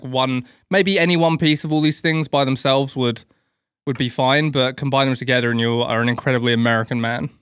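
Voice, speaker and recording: A man co-hosting a casual podcast. His voice is bright and crisp, and it sounds dry and close. He teases bluntly and states his points flatly. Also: medium pitch, dry recording. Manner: blunt, teasing, matter-of-fact. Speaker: podcast co-host. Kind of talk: casual chat.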